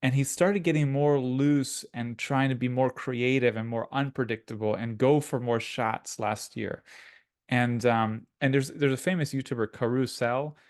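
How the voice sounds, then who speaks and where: A man co-hosts a casual podcast chat at a middle pitch. He rambles, circling back with restarts and filler words. The recording is dry and close, with no room sound. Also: fairly even intonation, moderate pace, no echo. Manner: rambling, many restarts and likes. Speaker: podcast co-host.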